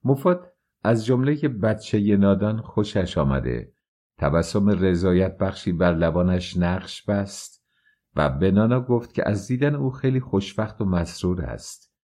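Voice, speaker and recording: A man reading a novel aloud as an audiobook narrator, in a steady, measured manner. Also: low-pitched. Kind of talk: scripted narration.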